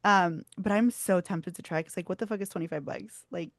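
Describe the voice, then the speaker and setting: A young woman co-hosting a casual podcast, telling animated stories, swearing freely and laughing often. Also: lowish voice, brisk, no room sound, clean studio sound. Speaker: podcast co-host. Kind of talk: casual chat.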